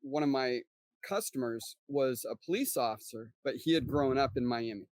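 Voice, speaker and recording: A man's voice: medium pitch, normal speed, no echo. A man from South Texas hosting a casual interview podcast, asking friendly questions and sharing his own stories. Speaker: podcast host.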